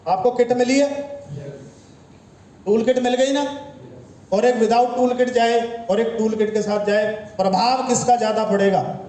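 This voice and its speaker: A high-pitched man with a mellow tone delivers a motivational training talk. He lectures the room and keeps asking rhetorical questions. His voice echoes in a roomy hall with a faint background hum. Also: fairly even intonation, a little slow, long pauses. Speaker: network marketing trainer.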